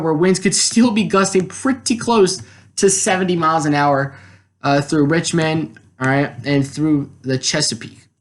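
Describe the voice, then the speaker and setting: American male weather streamer, fairly high-pitched, explanatory live commentary with frequent check-in phrases. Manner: explanatory, often repeats check words like "all right". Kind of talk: live hurricane commentary over maps and radar. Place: indoors at a computer, screen-share voice-over.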